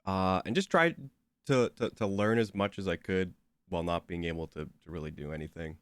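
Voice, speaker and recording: Streaming a game, a young man chats casually and rambles with lots of fillers. His low voice is stuffy and slightly nasal, he speaks briskly, and there's no room sound.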